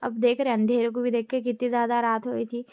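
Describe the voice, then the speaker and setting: A woman's voice: fairly high pitch, monotone, quick pace, dark tone, clean tone, no echo. Chatty woman, dry close voice. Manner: chatty, giggly storytelling. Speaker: family vlogger. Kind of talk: casual vlog voice-over.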